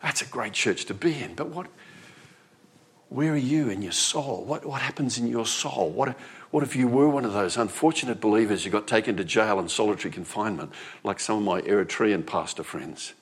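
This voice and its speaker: Low-voiced man preaching conversationally. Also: fairly quick, breathy edge. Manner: conversational preaching, with rising emphatic repetitions. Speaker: pastor. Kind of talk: sermon.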